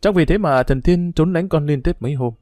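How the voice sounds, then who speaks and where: A man's voice: on the high side, fairly quick, warm tone, no room sound, clean studio sound, voice pushed up, natural voice. A man voicing an earnest, grieving young woman who pleads with her parents in a read-aloud novel.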